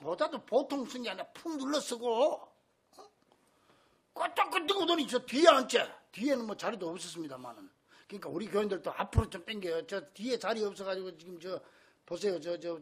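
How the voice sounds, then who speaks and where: A male pastor preaching a sermon in a church, telling stories with animation and bursts of shouting. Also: high voice, slightly rough. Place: church sanctuary.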